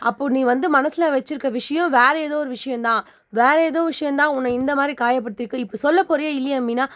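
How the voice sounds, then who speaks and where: A woman's voice: high voice, quick pace, fairly bright tone. Woman voicing an insistent worried mother. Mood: pleading, scolding. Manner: insistent, scolding questions. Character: worried middle-aged mother pleading with daughter.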